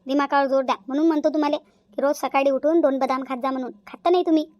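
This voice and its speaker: A woman's voice: high-pitched, steady tone, a little mellow, dry recording, muffled recording, close to an everyday voice. A woman voicing a scheming young daughter-in-law in a cartoon, patronizing and bossy. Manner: patronizing, fast-talking. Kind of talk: cartoon voice acting.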